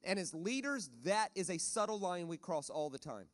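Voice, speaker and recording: High-voiced man preaching to a conference. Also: moderate pace. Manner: animated, acts out voices of panicked people and God. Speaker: guest preacher. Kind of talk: conference sermon. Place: church auditorium.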